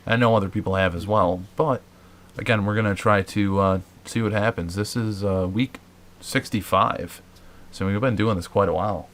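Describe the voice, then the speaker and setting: Deep-voiced guy hosting a ghost hunting vlog, chatty and rambly, lots of uh's, faint hiss behind. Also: steady tone, moderate pace, a bit bright. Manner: rambling, many fillers and restarts. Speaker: paranormal investigator host. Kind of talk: casual show explanation.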